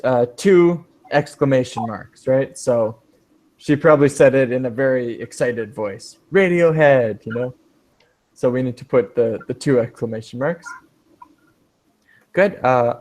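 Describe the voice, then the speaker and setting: A man's voice: mid-range voice, a little mellow. A man teaching an advanced English speaking class, patiently explaining word meanings with examples. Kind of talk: online language class.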